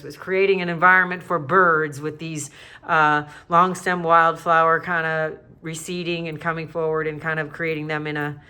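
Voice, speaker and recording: A woman artist speaks with enthusiasm about her stamp designs. Her tone is bright and forceful, pitched a bit low, and her delivery is relaxed and chatty. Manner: enthusiastic, admiring. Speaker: artist and host. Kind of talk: casual chat.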